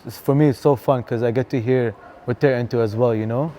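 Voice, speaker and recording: Mellow-voiced man chatting casually. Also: medium pitch, fast talker, a little hiss or hum. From Canada. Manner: relaxed, chatty, lots of fillers and "bro". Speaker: DJ and venue co-founder, guest. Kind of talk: casual interview chat.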